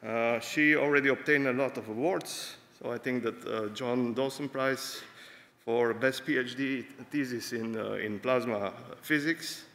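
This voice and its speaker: A man in his forties stands at a podium on a large conference stage and introduces a speaker. He talks haltingly, with frequent fillers. His voice is roomy, with a long reverb tail from the hall. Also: mid-range voice, steady tone, fairly bright tone. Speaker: session chair. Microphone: podium microphones.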